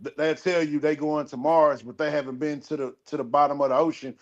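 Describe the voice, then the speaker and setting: A man's voice: fairly high pitch, steady tone, fairly quick. A man in casual podcast chat who stammers and repeats words while he argues. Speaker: podcast host. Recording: dull lo-fi sound.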